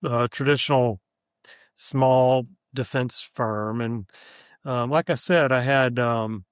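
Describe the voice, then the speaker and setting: Man, smooth clear voice, dry close sound, easygoing and thoughtful. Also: medium pitch, takes it slowly, no echo. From Mississippi, USA. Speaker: attorney, podcast guest. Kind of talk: casual interview chat.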